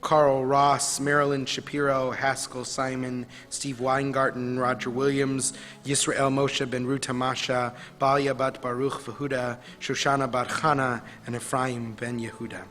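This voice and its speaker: A man leading worship, speaking in a steady, even tone with little rise and fall. He reads out a long list of names in a measured way. His voice carries a long reverberation from the chapel. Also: medium pitch. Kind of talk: liturgical prayer leading. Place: synagogue chapel.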